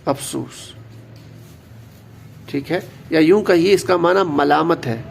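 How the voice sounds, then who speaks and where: A man's voice: on the high side, creaky, slight background noise. A man teaching an Arabic grammar lesson, patient and explanatory, repeating key words and slipping in English terms.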